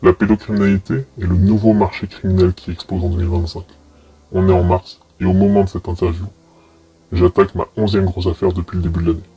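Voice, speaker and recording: A man giving measured, earnest interview testimony as an investigator. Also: low-pitched, level tone, lo-fi sound. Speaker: anti-paedocrime investigator being interviewed.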